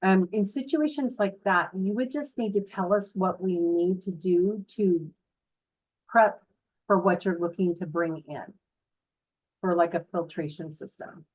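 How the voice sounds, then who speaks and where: A woman with a slightly low voice narrates a house tour as a home builder's representative. Her talk is casual and chatty, and she explains things in an informal, practical way. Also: unhurried, a little mellow, low-quality recording. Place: voice-over talking over a tour video.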